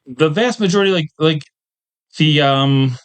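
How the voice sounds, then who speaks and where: This is a middle-aged or older man, a veteran game designer appearing as a podcast guest. His voice sits a little high, his tone is clean, and he speaks unhurriedly. He chats casually and discursively about his tabletop gaming hobby in an interview, full of asides and hedged recollections.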